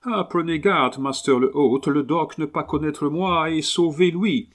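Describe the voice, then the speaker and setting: A man putting on a high, broken-French Englishman. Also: unhurried, natural voice. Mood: eager. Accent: English accent put on in French. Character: stout middle-aged Englishman, courteous, breathless.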